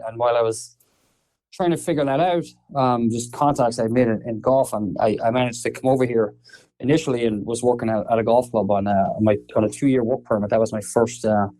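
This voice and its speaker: An Irish man in his thirties, talking as a guest on a casual podcast. His voice is mellow and dark, and he tells stories in a chatty way, laughing easily. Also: medium pitch, rough recording. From Ireland. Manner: chatty, laughs often, storytelling. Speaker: guest, soccer marketing executive.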